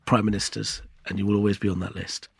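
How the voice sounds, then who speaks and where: A man co-hosting a satirical studio show, sarcastic and deadpan. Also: fast, creaky, breathy edge, no room sound. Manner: sarcastic, deadpan, sweeping pitch. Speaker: correspondent, co-host.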